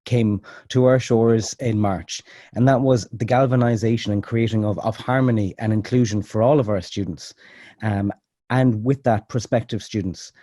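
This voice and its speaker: A man's voice: fairly low pitch, steady tone, moderate pace, dark tone, no room sound, clean studio sound. A man speaking as a lecturer on a conference panel, giving a presentation over a video call. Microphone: video call microphone.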